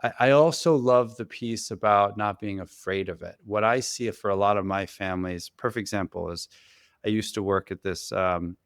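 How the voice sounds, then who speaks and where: A talkative man hosts a parenting podcast with a gravelly, somewhat low voice. He talks in an energetic, enthusiastic way and is quick to praise. The sound is dry and close to the mic. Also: no room sound. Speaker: podcast host and therapist. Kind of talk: casual podcast conversation.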